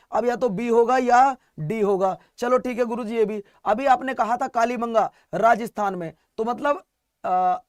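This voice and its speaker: Male exam-prep teacher, high voice, call-and-response drilling, dry close recording. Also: no room sound. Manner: repetitive call-and-response quizzing. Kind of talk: online class lecture.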